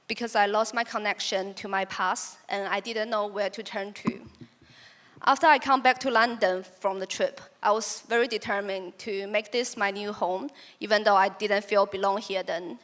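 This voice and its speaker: A woman's voice: mid-range voice, fairly bright tone. A young woman from China, a native Chinese speaker, giving a prepared talk about her photography in an earnest, reflective way with occasional restarts.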